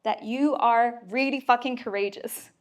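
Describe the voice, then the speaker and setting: A woman's voice: fairly high pitch, unhurried. Playful, emphatic woman giving an inspirational talk. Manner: playful, emphatic, casual swearing. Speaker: speaker at a mentoring community event. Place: event room before a live audience.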